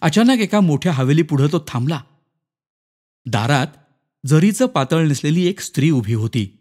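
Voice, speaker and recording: A man narrating a short story in an expressive, dramatic reading. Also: a little high, moderate pace. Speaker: story reader. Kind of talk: scripted narration.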